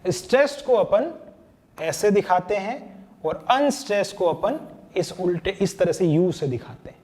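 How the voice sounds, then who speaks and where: Slow, high-voiced male teacher. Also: animated, darkish tone. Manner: patient, counts out syllables and beats one by one. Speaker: literature teacher. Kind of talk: explaining a poetry lesson.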